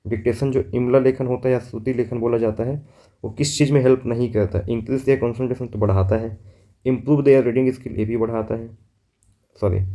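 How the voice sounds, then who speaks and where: A man teaching an exam prep lesson, reading questions out slowly in English and explaining them in quick Hindi. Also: medium pitch, warm tone.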